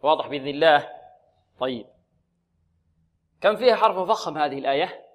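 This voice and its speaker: A man teaching Quran recitation, explaining rules patiently and drilling sounds slowly, repeating each syllable for his listeners to copy. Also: on the high side, lively intonation. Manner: explains patiently, posing questions and answering them himself. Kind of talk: tajweed lesson.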